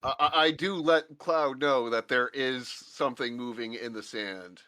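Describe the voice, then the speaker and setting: Tabletop player, man, sharp bright tone, teasing banter. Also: mid-range voice, clear, resonant tone. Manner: teasing, quick to argue. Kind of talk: casual chat at a tabletop game.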